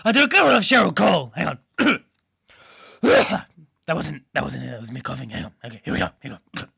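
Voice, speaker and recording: A man playing a goofy, laddish male superhero in a comic podcast monologue, rambling and excitable, often breaking into shouts. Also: fairly high pitch, a little fast, gravelly, slightly rough, exaggerated voice.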